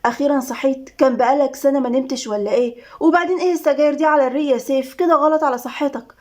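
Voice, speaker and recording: A woman voicing a middle-aged mother who scolds her son quickly and affectionately. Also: sits high, darkish tone, close to an everyday voice. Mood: scolding.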